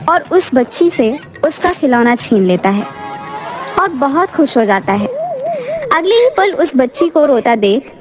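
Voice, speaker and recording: A woman's voice: high-pitched, sing-song, measured pace, music in the background. A woman narrating a cartoon story in a plain storytelling manner.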